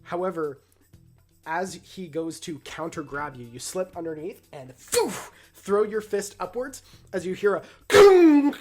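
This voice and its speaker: A man's voice: high-pitched, lively intonation, measured pace, a little mellow, soft background music. A man narrating an improvised tabletop game as the game master.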